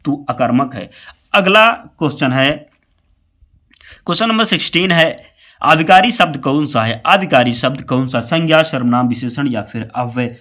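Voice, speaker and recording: Animated and sharp-toned, this man speaks at medium pitch and moderate pace, though his voice is slightly hoarse from a fever. He works through an exam-prep quiz, reading questions and options, restating answers, and telling the viewer again and again to remember them.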